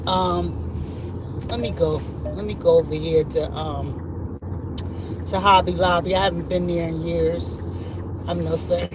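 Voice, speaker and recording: Recording from the driver's seat as she drives, a woman hosts her podcast alone, telling stories in an unhurried, rambling, animated way and laughing often. Her pitch is fairly low, and a faint hum of road and engine noise sits beneath her voice.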